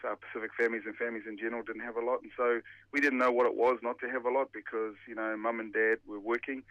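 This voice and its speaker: A man's voice: mid-range voice, flat delivery, quick pace, no room sound, muffled recording. A man in his forties, born and raised in New Zealand, a pastor answering radio interview questions thoughtfully with many fillers and restarts. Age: 40s. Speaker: pastor and former rugby player.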